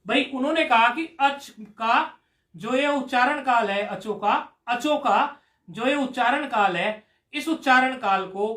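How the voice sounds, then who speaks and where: High-pitched male teacher lecturing, chants rules slowly, coaxes students; echoey classroom. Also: sharp tone. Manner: drawn-out chanting of sutras, coaxing questions to students. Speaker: Sanskrit grammar teacher. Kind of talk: classroom lecture explaining a grammar rule. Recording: echoey room.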